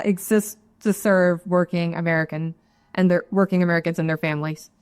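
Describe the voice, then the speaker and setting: A woman, an actuary guest in an interview, explaining her points in a measured way and often adding "right?". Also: mid-range voice, dry recording. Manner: measured, explanatory, adds tag questions. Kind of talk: interview answer.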